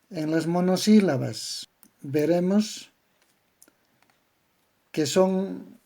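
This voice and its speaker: Slow, gravelly Bolivian teacher. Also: male voice, a little high, mellow. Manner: spells out syllable patterns slowly, word by word. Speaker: language teacher. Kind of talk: slow didactic lecture on grammar.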